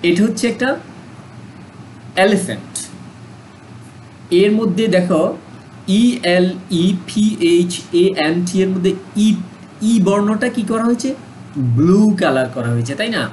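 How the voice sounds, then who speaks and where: A man's voice: high-pitched, slight background noise, low-quality recording. A man with a Bangladeshi accent teaching an English lesson, mixing two languages and repeating words for students to practice. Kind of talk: online lesson explanation.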